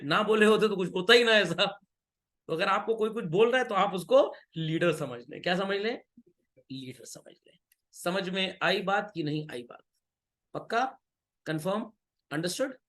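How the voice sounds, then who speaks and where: A middle-aged man gives an online business studies lesson in a high voice. His tone is bright and sharp. He mixes Hindi and English and keeps playfully scolding students and asking if they follow. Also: moderate pace. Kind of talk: online class lecture.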